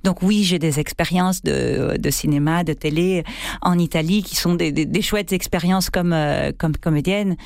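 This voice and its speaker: Speaking at a normal speed, this middle-aged woman from France, an actress and theatre co-director, has a low, slightly mellow voice with vocal fry. In her radio interview she hesitates often, restarting sentences and using many fillers, all captured in a dry, close studio without echo.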